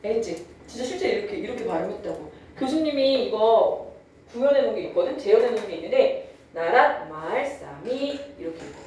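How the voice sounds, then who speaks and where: Woman teacher lecturing a class, bit high voice, kinda far from the mic, echoey. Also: lively intonation, fast talker, warm tone, slight background noise. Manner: chatty, checks in with students often; drawls out words when demonstrating old pronunciation. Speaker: Korean language teacher.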